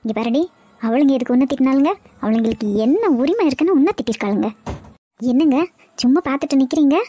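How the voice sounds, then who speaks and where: A woman's voice: high-pitched, fast talker, dark tone. Woman doing an indignant cartoon mother. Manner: indignant, nagging. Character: angry protective mother, loud and pushy.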